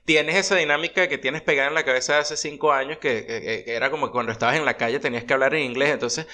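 Venezuelan male podcast co-host, young, bright forceful voice, animated and profane storyteller. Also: medium pitch, very fast. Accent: Venezuelan Spanish. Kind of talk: casual chat.

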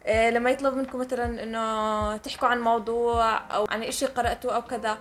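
A woman's voice: a little high, little pitch movement, fast, slight background noise. A woman with a Levantine accent explaining things casually and emphatically to listeners as a podcast co-host.

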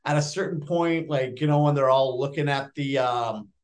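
A man, an actor and stand-up comedian, chatting excitably in an interview with lots of fillers. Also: mid-range voice, moderate pace. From Canada. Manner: excitable, rambling with many fillers. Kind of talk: casual interview chat.

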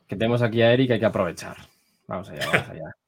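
A man hosting a podcast, lively and casual, throwing out topics and listing examples for his guests. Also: lowish voice, racing, gravelly. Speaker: podcast host.

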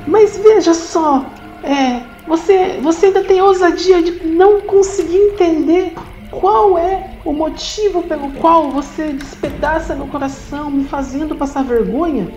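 A woman voicing a dramatic, lovesick female frog who talks in shrill, melodramatic outbursts. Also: unhurried, darkish tone, soft background music. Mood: indignant. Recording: roomy, dull lo-fi sound.

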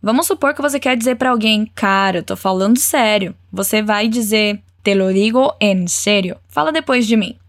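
Woman teaching spanish, says phrases slow and clear, cheers you on, dry close sound. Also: mid-range voice, dry recording. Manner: encouraging, models phrases slowly and clearly. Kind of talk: language lesson with repeat-after-me drills.

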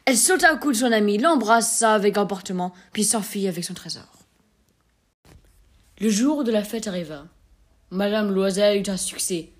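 Woman reading a classic story aloud. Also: medium pitch. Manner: measured, expressive storytelling. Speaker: narrator.

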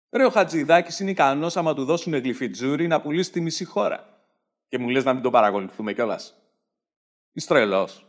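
Man, Greek accent, sarcastic satirical monologue, lively swinging pitch, mocking tone. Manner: sarcastic, mocking, slips into mimicked voices. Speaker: satirical comedian.

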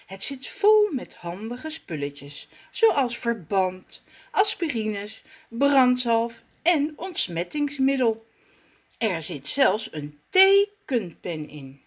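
A woman reading a children's storybook aloud, gentle and unhurried. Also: on the high side, very animated, breathy edge.

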